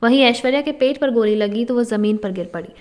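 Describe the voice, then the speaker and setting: Woman, story narrator, scripted narration, dramatic, emphatic, fairly high voice. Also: fast, a little mellow.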